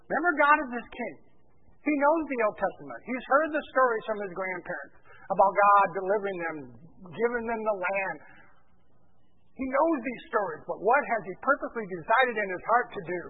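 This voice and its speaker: Preacher man, high and tinny. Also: animated, a little fast. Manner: asks the congregation questions, then answers himself. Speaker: pastor. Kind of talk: sermon. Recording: tinny phone-like church recording.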